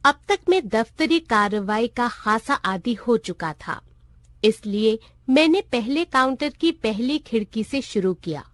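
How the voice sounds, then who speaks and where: A woman reading a school-textbook story aloud in a measured storytelling manner. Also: a little high, animated, dry recording, studio quality. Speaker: reader.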